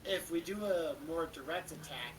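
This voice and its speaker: A man playing a tabletop game who thinks out loud while planning tactics, his online call breaking up and dropping out. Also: on the high side, lively intonation, normal speed, distant mic, a little hiss or hum, poor audio. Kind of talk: casual chat over an online call.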